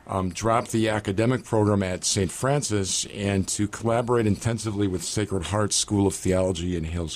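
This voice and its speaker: A man with a fairly low voice hosts a radio talk show as a seminary rector. He speaks in a measured, earnest manner, introducing guests and asking questions in a studio setting. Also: darkish tone.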